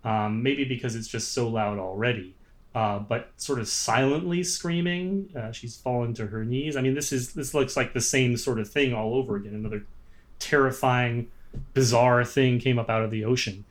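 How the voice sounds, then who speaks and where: A man's voice: mid-range voice, normal speed. A man narrating as game master of a tabletop game, thoughtful and hedging with many fillers.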